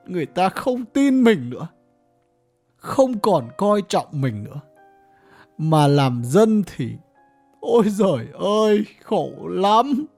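A reader voicing a bitter old village man, a former official who rants and curses through his grief in a slow, lively audiobook character voice. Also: medium pitch. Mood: weary. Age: older. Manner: ranting, grieving, coarse cursing.

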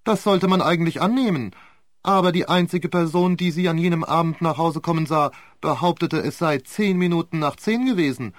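A sharp, relentless courtroom prosecutor, voiced by a man reading the story speaks in a raised, biting tone, twisting every answer with cool sarcasm. The sound is dry and close, with no room around it. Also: on the high side, fairly quick, dry recording, voice pushed up, close to an everyday voice. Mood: cutting. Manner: cutting, sarcastic cross-examining.

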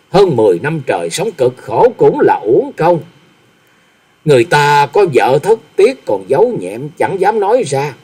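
Brief: male narrator doing a tearful, accusing wife in an audiobook, raised husky voice, slow, drawn-out lament. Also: a little high, warm tone, voice pushed up. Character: distraught wronged middle-aged wife, bitter and indignant.

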